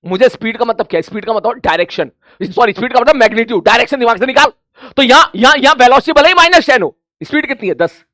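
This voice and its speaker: A man's voice: extremely high pitch, lively intonation, sharp tone, dry recording, studio quality. A man teaching a physics coaching class, chatty and familiar, voicing his students' questions and answering them himself. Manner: addresses students familiarly as brother and child; counts aloud slowly to explain.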